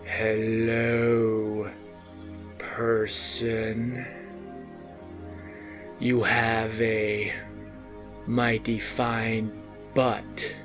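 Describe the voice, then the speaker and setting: A man voicing a creepy male stranger who lurks in an alley, speaking low, slow and hushed. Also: completely flat delivery, faint music behind. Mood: sinister, hushed.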